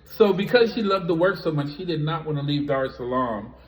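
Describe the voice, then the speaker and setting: A man's voice: a little high, lively intonation, a little fast, reverberant, rough recording. A man in his late fifties from the United States, co-hosting a casual vlog chat in a blunt, rambling way. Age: 50s. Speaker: vlog co-host.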